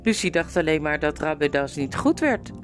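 Expressive woman reading a storybook. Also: low-pitched, normal speed, faint music behind. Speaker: storybook narrator. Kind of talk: reading a children's novel aloud.

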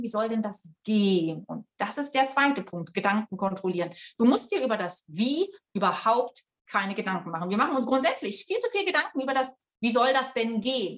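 A woman talking as a life coach, addressing viewers directly in a blunt, colloquial way and slowing down to stress her key points. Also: a little high. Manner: blunt, colloquial, swears casually. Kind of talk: motivational coaching talk to viewers.

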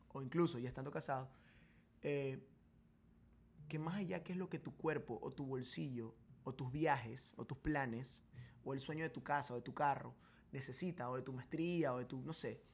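A man's voice: on the high side, husky. A man in a casual faith podcast chat, thinking aloud with many fillers and asides. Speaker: co-host.

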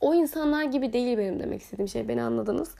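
A young woman hosts her podcast alone, her voice hoarse as she recovers from a sore throat. She talks in a chatty, expressive way, acting out little everyday scenes. Her voice sits a little high. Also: very fast. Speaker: podcast host. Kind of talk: casual solo podcast talk.

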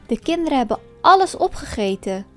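A fretful old peasant woman from a folk tale , voiced by a woman storyteller. She sighs and frets, her voice only slightly lower than the narrator's high tone. Faint music runs underneath. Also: sing-song, brisk, darkish tone.

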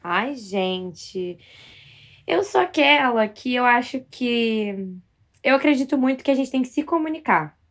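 A woman's voice: on the high side, lively intonation, unhurried. A Brazilian woman co-hosting a casual podcast, telling stories in a bold, self-mocking way. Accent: Brazilian Portuguese. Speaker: podcast co-host.

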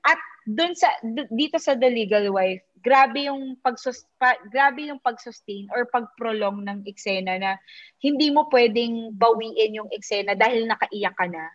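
A woman's voice: a little high, measured pace. A woman chatting casually about a TV drama, gushing and acting out the lines she quotes. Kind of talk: casual chat reviewing a TV drama. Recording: dull lo-fi sound.

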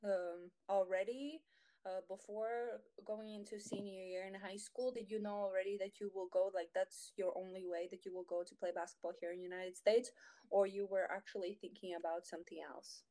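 A woman's voice: mid-range voice, fairly even intonation, moderate pace, warm tone, poor audio. A woman interviewing a guest in a casual, conversational way.

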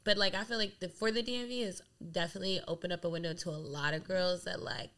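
Talking at a quick pace in a fairly low voice, a young Delaware DJ rambles through a casual interview as the guest. She's animated and leans heavily on "like."

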